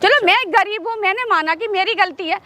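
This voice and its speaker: A woman's voice: extremely high pitch, fairly quick, pushed and bright. An actress playing a frightened maid who pleads with her employer to let her go. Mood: defiant. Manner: pleading, repeats "no, master". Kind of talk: Hindi short-film acting.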